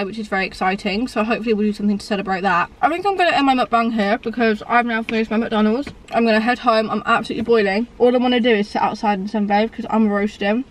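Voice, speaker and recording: Girl, eighteen, rattling off casual vlog chat super quick, says like a lot, mic kinda far off. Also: on the high side. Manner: chatty, filler-heavy, lots of "like". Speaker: vlogger. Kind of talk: casual mukbang chat to camera.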